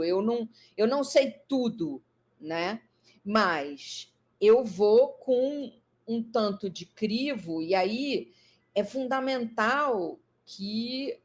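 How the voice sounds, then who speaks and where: A woman with a Brazilian Portuguese accent, a psychologist guest explaining her ideas in a conversational talk, thoughtful and full of fillers and restarts. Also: medium pitch. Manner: thoughtful, many fillers and restarts, lively emphasis.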